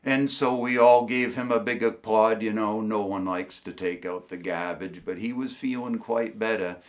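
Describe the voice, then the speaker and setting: A man from Maine with a Maine accent tells comic stories in a folksy, halting way, repeating himself and using local expressions. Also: lowish voice, steady tone. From Maine, New England. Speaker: humorous storyteller and video host.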